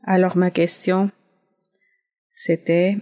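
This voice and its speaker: A woman from the congregation politely asking a question at a Bible study, hesitant and pausing with fillers. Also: lowish voice, flat delivery, dark tone. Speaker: church member asking a question.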